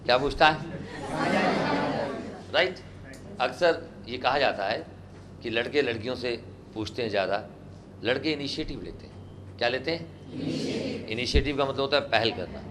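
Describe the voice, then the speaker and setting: A man's voice: mid-range voice, moderate pace, long pauses, a crowd in the background, noisy background. A man teaching a spoken English class, quizzing students and having them repeat words. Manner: animated, asks the class questions and has them repeat words.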